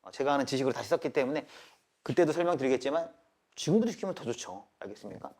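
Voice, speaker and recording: A male teacher delivers a live math lecture at medium pitch, his intonation lively and his tone darkish. He peppers students with quick questions and check-ins while shifting between polite and casual registers.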